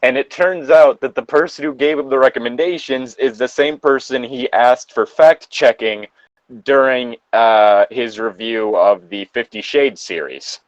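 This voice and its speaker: Here a man reads fan fiction aloud as a show co-host, chatting loosely and wandering off into hesitant asides between passages. He speaks at a medium pitch from a close, dry setup on a remote voice call, and the sound comes across dull.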